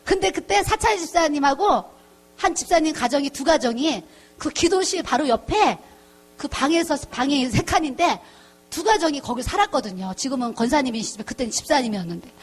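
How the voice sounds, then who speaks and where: A woman's voice: high voice, expressive, brisk, faint music behind. A middle-aged woman pastor giving a chatty testimony sermon, acting out the voices of the people in her story. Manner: chatty storytelling, acts out quoted voices, laughs often.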